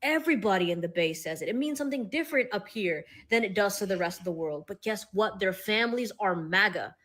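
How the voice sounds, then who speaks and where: A woman's voice: mid-range voice, expressive, quick pace, a bit bright. A woman giving a blunt, profane, emphatic rant straight to camera as a social media commentator.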